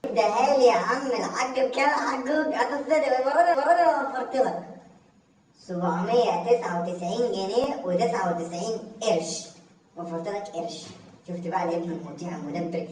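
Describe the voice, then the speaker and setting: A woman's voice: medium pitch, lively intonation, darkish tone, recorded from a distance, slight background noise, close to an everyday voice. A woman playing a cheeky, whiny Egyptian son. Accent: Egyptian Arabic. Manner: cheeky, whiny, talks back fast. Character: cheeky lazy young son of the house. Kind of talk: comedy sketch acting. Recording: very echoey room, off-mic.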